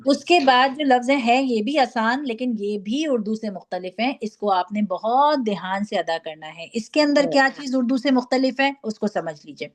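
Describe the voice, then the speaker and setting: A woman's voice: fairly high pitch, hardly any pauses. A woman teaching Quran recitation, patiently modelling each letter sound for students to repeat. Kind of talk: online tajweed lesson.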